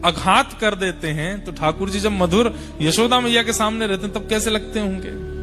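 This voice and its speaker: A man telling a devotional story, acting out the child and father voices in an animated way. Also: high-pitched, normal speed. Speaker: kathavachak storyteller. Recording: music playing behind.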